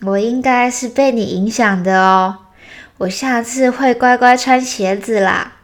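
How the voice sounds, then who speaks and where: A woman voicing a mischievous little boy bear cub in a children's story, in a whiny, childlike way. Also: unhurried. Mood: sheepish. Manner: whiny, high childlike pleading.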